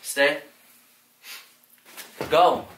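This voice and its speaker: A man's voice: drawn-out words, a bit bright, reverberant, recorded from a distance, a little hiss or hum. A young man in a casual prank video, bantering in slang, swearing and laughing in a bedroom. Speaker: prank vlogger. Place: bedroom at home.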